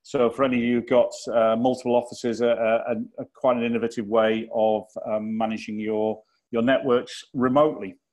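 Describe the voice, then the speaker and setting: Geordie male webinar host, hesitant and filler-heavy, average pitch. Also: flat delivery, darkish tone. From North East England. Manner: halting, many fillers and restarts. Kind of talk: corporate webinar wrap-up.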